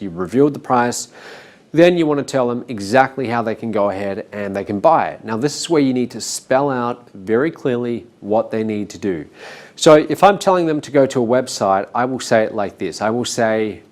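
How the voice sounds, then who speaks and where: A man teaching how to sell on a webinar, with a naturally monotone voice that he says he has to push into excitement. He spells things out slowly and repeats key points. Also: mid-range voice. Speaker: webinar marketing instructor. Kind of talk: instructional talk.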